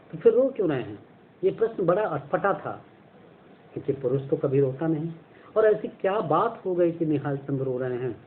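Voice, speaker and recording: A male teacher with a fairly high voice walks through a story line by line. He explains words as he goes and asks himself questions before answering them. The sound is narrow and phone-like, with a faint hiss. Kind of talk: explaining a textbook story in a lesson.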